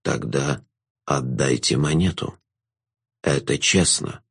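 A man voicing a smug, mocking male jester in a slow, low, drawn-out way, in an audiobook. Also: gravelly, breathy edge, heavily acted. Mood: menacing. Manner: smug, taunting. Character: sly theatrical male jester, mocking, menacing. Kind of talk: audiobook character voice.

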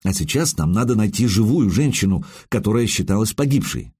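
A man narrating an audiobook in the first person, in an expressive, conversational way. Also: on the low side, brisk, husky.

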